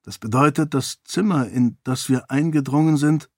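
Audiobook casting: a man playing a calm young prince who threatens in a low hush, recorded close and dry. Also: moderate pace, no echo. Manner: quiet, hushed menace.

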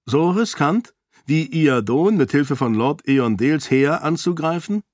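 A man's voice: fairly high pitch, lively intonation, unhurried, darkish tone, no room sound, clean studio sound, voice pushed up. A man voicing a resolute young princess who argues firmly and urgently with a council of lords. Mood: firm persuasive. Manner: firm, persuasive, urgent.

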